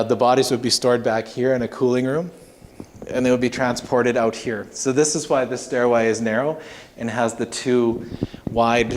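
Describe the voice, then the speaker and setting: A man leads an informal ghost tour in a mid-pitched voice. He explains things conversationally and haltingly, feeling his way through each story. Clear background noise and clicks run through the recording.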